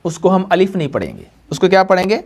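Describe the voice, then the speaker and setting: A man's voice: high voice, wildly swooping pitch. A man teaching a Quran reading class, patiently repeating points and quizzing students in call-and-response. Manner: repetitive call-and-response questioning; patient, slow drilling. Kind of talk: classroom lesson to students and viewers.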